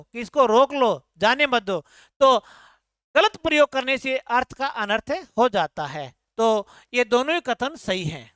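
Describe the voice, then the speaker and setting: A woman tutor goes through exam answers one by one, asking a question and then answering it herself. Her voice sits a little high and comes across smooth and clear. The recording is dry and close, with no room sound. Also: fairly bright tone, no room sound. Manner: explanatory, repeats answers as questions. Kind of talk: explaining exam answer key.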